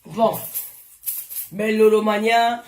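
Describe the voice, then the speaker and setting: Woman on a home live stream, chatty, animated, scolds commenters, shows things to the camera, phone mic. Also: mid-range voice, takes it slowly. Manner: talks while showing items to the camera. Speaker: social media influencer. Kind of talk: casual live stream chat with followers.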